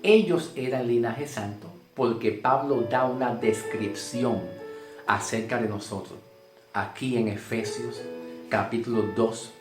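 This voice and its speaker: A man's voice: medium pitch, measured pace. A man from Puerto Rico with a Puerto Rican accent, preaching a sermon, emphatic and repetitive, often checking in with "ok?". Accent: Puerto Rican Spanish. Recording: roomy sound with faint guitar music.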